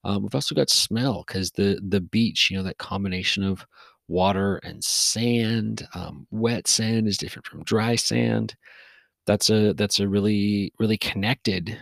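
A man talks alone on his podcast in a loose, meandering way, full of fillers and restarts. His voice sits low with a gravelly edge. He sounds a little tired, recorded close and dry. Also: measured pace, no room sound. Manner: rambling, relaxed, with frequent fillers and restarts. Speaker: podcast host. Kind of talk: casual solo podcast monologue. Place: recorded outdoors near a forest.

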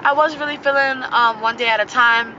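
A woman with a fairly high voice hosts a loose, slangy motivational podcast, laughing between her thoughts. The sound is muffled and a little dull. Traffic noise from a street runs clearly behind her. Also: steady tone, fairly quick, bright, forceful tone. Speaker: podcast host. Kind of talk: casual motivational monologue.

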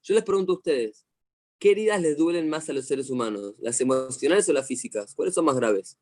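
A man's voice: fairly high pitch, lively intonation, a little fast, darkish tone. A middle-aged man with an Argentine accent teaches a class over a video call. He is a psychologist who tells stories with animation and keeps asking his listeners questions. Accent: Argentine Spanish. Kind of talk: online lecture to a class.

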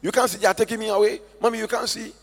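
A man's voice: fairly even intonation, very fast, creaky. A man putting on a wailing frightened little girl. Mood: desperate. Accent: Ghanaian. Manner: high pleading wail. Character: frightened little girl crying for her parents. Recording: long church hall reverb.

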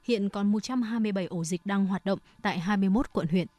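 A woman reads scripted radio news in a formal, measured manner, her medium-pitched voice warm in tone. The recording is close and dry, with very little room sound.

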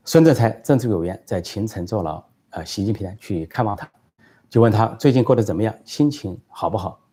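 A man's voice: on the low side, expressive, a little fast, dark tone, slightly rough. A male channel host telling a joke and then answering viewer questions, with frequent hesitation fillers. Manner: plain storyteller, frequent fillers. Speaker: political commentary host.

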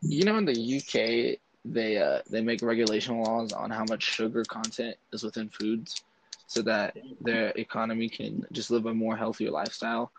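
A young man co-hosting a casual podcast, excitable and slangy as he argues his opinions. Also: lowish voice, moderate pace, creaky, background noise. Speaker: podcast co-host.

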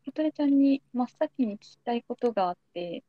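A woman's voice: a little high, animated, fairly quick, no room sound, narrow, tinny audio. A young adult woman hosting a podcast, chatting casually as she interviews a guest. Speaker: podcast host.

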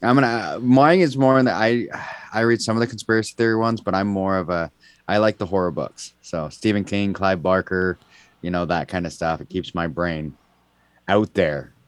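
An American man with a low-pitched voice chats casually as co-host of a podcast. The recording is dry and free of room echo. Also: normal speed, clear, resonant tone. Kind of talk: casual chat.

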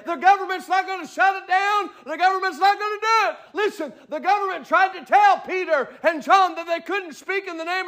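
A man's voice: extremely high pitch, bright, forceful tone. An American man preaching a sermon in an insistent, rising cadence, repeating his phrases as he builds.

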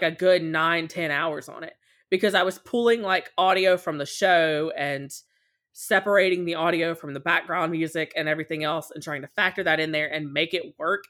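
This podfic creator, appearing as a podcast guest, has a low voice with a bit of brightness. She talks casually and candidly at length, conversational and talkative, frequently performing brief quotes.

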